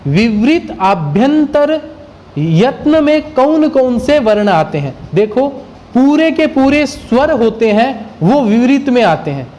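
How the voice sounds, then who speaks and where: Male grammar teacher, unhurried lecture delivery, quizzes the class and then answers himself. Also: extremely high pitch, sing-song, mellow. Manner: asks questions and answers them himself; sounds out letters one by one. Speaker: Sanskrit teacher.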